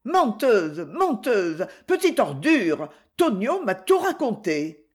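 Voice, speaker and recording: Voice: mid-range voice, big pitch swings, slow pace. A reader voicing a furious, jealous young female cabaret dancer who shrieks insults in an audiobook. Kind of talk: audiobook reading.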